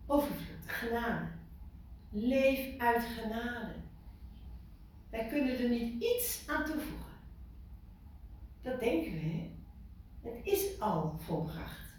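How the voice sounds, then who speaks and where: A woman giving an informal sermon to a small group, lively and full of questions to her listeners, repeating words for emphasis. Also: a little high, slow pace, long pauses. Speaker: preacher. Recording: echoey room from far off, faint noise.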